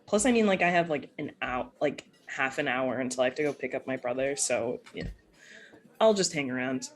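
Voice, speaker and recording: Low-voiced woman running a tabletop game. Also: lively intonation, fairly quick. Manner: casual, many fillers, hesitant. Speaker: game master.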